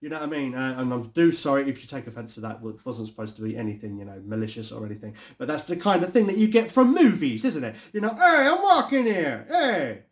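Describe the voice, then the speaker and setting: A man's voice: medium pitch, very animated, quick pace, hardly any pauses, darkish tone. A man from the UK, hosting a casual, rambling review chat full of fillers. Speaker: host.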